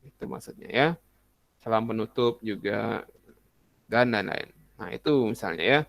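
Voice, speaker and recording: A man's voice: fairly low pitch, moderate pace, creaky, fairly bright tone, no room sound. A young adult male teacher giving a casual classroom lesson, chatty and full of examples, often acting out short student messages.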